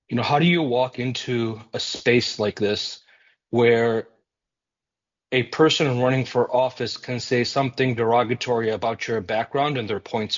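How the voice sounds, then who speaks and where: A man's voice: medium pitch, dull audio. Earnest man speaking at a civic meeting. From United States. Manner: earnest, measured, with frequent fillers. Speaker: community center representative. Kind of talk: public remarks at a civic meeting.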